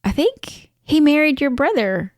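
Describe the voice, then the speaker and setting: A woman's voice: high voice, very animated, measured pace, dry recording, clean studio sound. A woman co-hosting a casual podcast, telling stories in a hesitant, giggly way. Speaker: podcast co-host. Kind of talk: casual chat.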